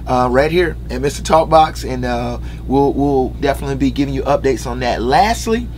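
A man in his thirties, a musician, makes an earnest, upbeat direct-to-camera announcement to his fans from a small living room, partly reading from notes and using fillers. His mid-range voice is animated and darkish at a moderate pace, with a little hiss or hum on the recording.

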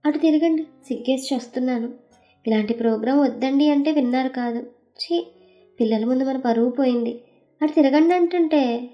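A woman voicing an embarrassed young wife who scolds in an urgent, hushed way. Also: high-pitched, normal speed, dull audio, soft background music, lightly acted. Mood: flustered.

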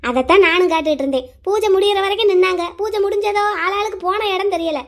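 A woman's voice: extremely high pitch, fast talker. A woman voicing a fussing older village aunt. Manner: homely, fussing, village speech. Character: kindly older aunt, busy serving at a temple. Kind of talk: cartoon voice acting.

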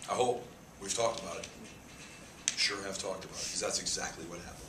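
Coach guy at a press table, low voice, talks punchy, echoey room. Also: a little fast. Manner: emphatic, repeats words, gestures a lot. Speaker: head football coach. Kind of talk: press conference answers. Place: press room with a sponsor backdrop. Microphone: table mic cluster. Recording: echoey room, faint hiss.

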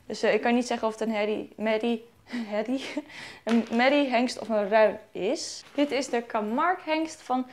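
A woman's voice: fairly high pitch, steady tone, normal speed. A young woman vlogger chatting casually as she unboxes toy horses at home, correcting herself and giggling now and then. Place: at home in sunlight.

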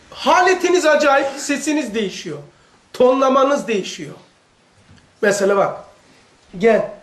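A man with a Turkish accent gives a religious lesson to a gathered audience, his voice sitting very high for a man. He talks in a loose, animated way and keeps checking in with his listeners. The room echoes around him. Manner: conversational, animated, addresses listeners directly with questions. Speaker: religious teacher.

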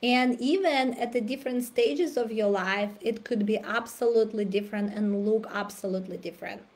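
A woman, hoarse from a cold, hosting a live coaching challenge and often clearing her throat. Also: a little high, moderate pace, darkish tone. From Russia. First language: Russian. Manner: frequent throat clearing and fillers. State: raspy voice from a cold. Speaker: challenge host. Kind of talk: live-stream coaching talk.

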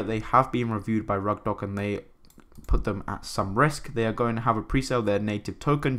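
A man's voice: on the low side, fairly bright tone. A man hosting a casual screen-share review, rambling with many fillers and restarts and often tagging "right?" onto his points. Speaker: crypto channel host.

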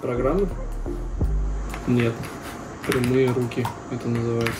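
A man's voice: mid-range voice, level tone, a little slow, recorded from a distance, low-quality recording. A young man giving casual game commentary beside a player in a small room. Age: young adult. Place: small office-like room indoors. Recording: off-mic, music behind.

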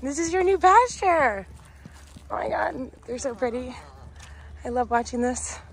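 An excited young vlogger gushes chattily to her phone camera, held at arm's length, while showing her horse property outdoors. Her voice is high but her pace is measured, and she talks from under a barn roof and in a pasture.

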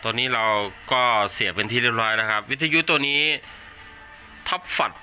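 A man giving a casual hands-on unboxing demonstration, speaking haltingly and repeating words as he handles items. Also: mid-range voice, bright, forceful tone, faint music behind. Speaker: unboxing presenter.

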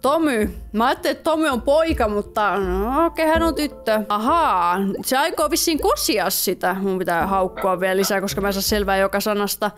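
A woman's voice: medium pitch, few pauses, a bit bright. A young Finnish woman giving casual let's-play commentary, reading game text aloud and chatting to her viewers. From Finland. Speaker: gaming YouTuber. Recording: faint music behind voice.

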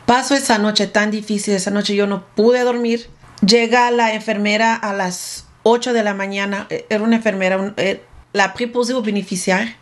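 A woman's voice: mid-range voice, fairly even intonation, normal speed. Spanish-speaking woman telling an emotional story. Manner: emotional, breathless retelling with repeated phrases; speaks directly to viewers. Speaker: vlogger telling her own story. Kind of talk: casual story time.

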